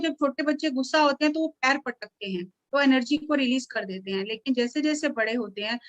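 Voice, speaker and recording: High-voiced woman meditation teacher. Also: poor audio. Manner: calm, slow, explanatory. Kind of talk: guided meditation and spiritual talk.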